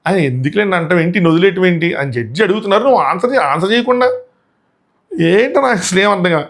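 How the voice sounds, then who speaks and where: A man's voice: high-pitched, lively intonation, fast talker. A man giving a casual spoken review of a TV show. He mixes in English phrases and acts out quotes from others.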